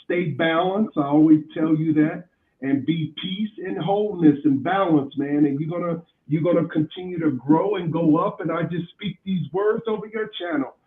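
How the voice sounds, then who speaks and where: A man chatting on a livestream through a headset that sounds muffled, with only the bass coming through, as if underwater, speaking encouraging blessings to the host. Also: moderate pace. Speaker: stream guest. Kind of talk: casual chat on a livestream. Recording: muffled phone-like line with room echo.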